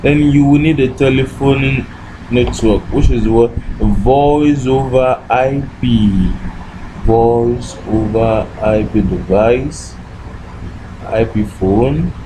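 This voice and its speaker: A man with a medium-pitched voice walks through an informal, step-by-step tech tutorial at a slow pace, with background noise audible. Acting as instructor, he keeps posing short questions to himself and answering them, often repeating "what".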